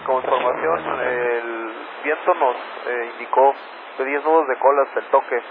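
A man's voice: mid-range voice, moderate pace. Man, airline pilot, clipped matter-of-fact readbacks, two-way radio transmission, thin phone-like sound, strong hiss. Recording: tinny noisy radio channel.

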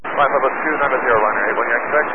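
A man, an airline pilot, reading back clipped air traffic calls over a cockpit radio with bursts of static. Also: mid-range voice. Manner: brisk, clipped radio phraseology. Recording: narrow radio band, loud static.

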